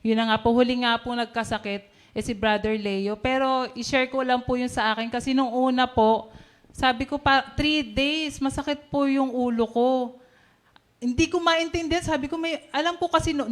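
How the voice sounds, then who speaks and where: A woman shares her testimony at a prayer meeting, her voice sitting a little high. She talks cheerfully, laughs often and acts out little quoted scenes. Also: fairly even intonation, fairly quick. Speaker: church member giving testimony.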